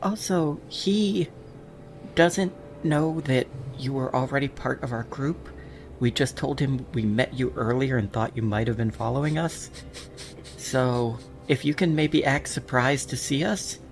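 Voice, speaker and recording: A man's voice: medium pitch, a little slow, slight background noise. A man playing a tabletop game, talking plans through in a plain, matter-of-fact way. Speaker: player. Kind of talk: casual game table chat.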